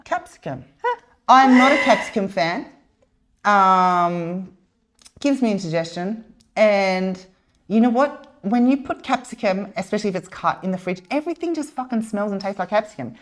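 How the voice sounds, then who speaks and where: A woman's voice: mid-range voice, expressive, normal speed. A woman, a podcast guest talking casually, swearing now and then and restarting her sentences. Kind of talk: casual chat.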